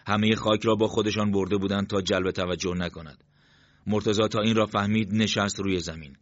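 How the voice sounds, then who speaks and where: A man reading a war novel aloud as an audiobook narrator, in a steady, measured literary style. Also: lowish voice, dry recording. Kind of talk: scripted narration. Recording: dull, lo-fi dry sound.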